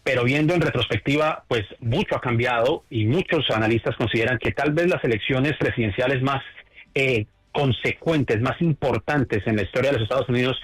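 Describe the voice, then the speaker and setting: A man's voice: mid-range voice, fairly quick, slightly rough, dry recording, poor audio. A man from Colombia, a political analyst, answering interview questions in a thoughtful, hesitant way with many fillers. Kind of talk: radio interview. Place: New York.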